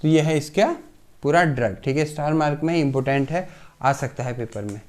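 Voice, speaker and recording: A pharmacy lecturer takes his students through a chemistry lesson in a casual classroom style, at a moderate pace. His voice is slightly high for a man, and he explains things step by step, asking questions and answering them himself. He checks in constantly, repeatedly saying "theek hai."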